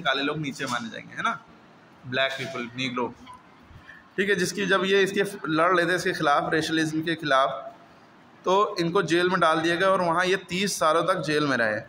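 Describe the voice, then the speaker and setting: A male teacher talks students through a textbook chapter with a bright, forceful voice that sits a little high for a man. He explains in Hindi with English words mixed in, repeats key terms, and checks in with the class often. Faint background noise sits under the recording. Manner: reads English passages slowly and deliberately.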